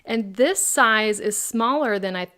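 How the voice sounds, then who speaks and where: A woman's voice: fairly high pitch, measured pace, sharp tone. A woman hosting a live craft product demo, chatting and answering viewers' questions by name.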